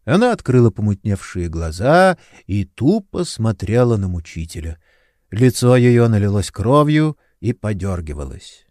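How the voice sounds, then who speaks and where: A man's voice: lowish voice, very animated, measured pace, darkish tone, no room sound, clean studio sound. A man narrating a fantasy novel as an audiobook, reading dramatically. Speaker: audiobook reader.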